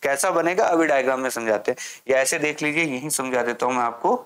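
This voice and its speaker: This man's voice sits in the mid range with a fairly bright tone. Explaining a maths lesson in class, he asks questions and supplies the answers himself, with slow English read-outs.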